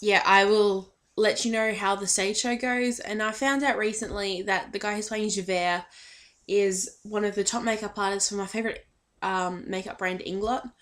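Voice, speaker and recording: A woman's voice: mid-range voice, fairly even intonation, normal speed, fairly bright tone. A young woman chatting casually in a fan vlog, hesitant and full of filler ums, a little shy. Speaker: vlogger.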